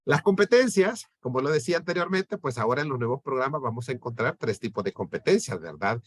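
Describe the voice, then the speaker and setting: A man's voice: medium pitch, expressive, fast talker, breathy edge, no echo, clean studio sound. A man giving an explanatory lecture to teachers on lesson planning, often checking in with his listeners. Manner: explanatory, keeps asking "¿verdad?". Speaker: teacher trainer.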